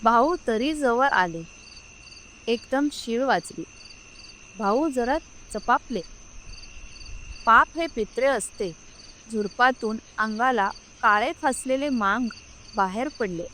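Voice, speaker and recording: A woman narrating a scripted story in a slow, measured, solemn reading. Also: fairly high pitch, animated, pushed and bright, slight background noise.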